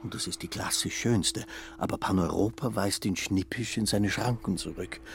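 A man's voice: low voice, normal speed. A man narrating a radio play with lilting, dreamy storytelling. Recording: radio play with clear ambient noise.

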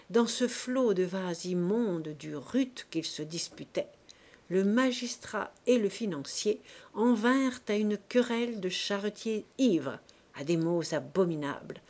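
A woman reading a classic novel aloud as an audiobook narrator, expressive and dramatic, dropping to softer passages. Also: mid-range voice. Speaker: audiobook reader. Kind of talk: scripted narration.

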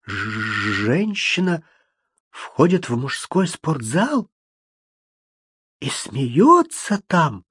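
A man's voice: fairly high pitch, big pitch swings, extremely slow, long pauses, a bit bright, breathy edge, no echo, studio quality, exaggerated voice. A man reading an audiobook, voicing a nervous young woman who sounds frightened and disbelieving. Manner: frightened, incredulous.

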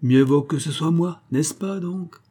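A man's voice: mid-range voice, sing-song, measured pace, dark tone. A man voicing a sullen, sarcastic peasant housekeeper of about forty. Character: grumbling peasant housekeeper woman around forty.

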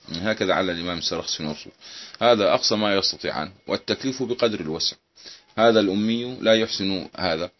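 Fast, low-voiced man teaching a class. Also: lo-fi sound. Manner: reads text aloud then explains, checks with students. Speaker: Islamic jurisprudence teacher. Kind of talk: classroom lecture explaining a legal text.

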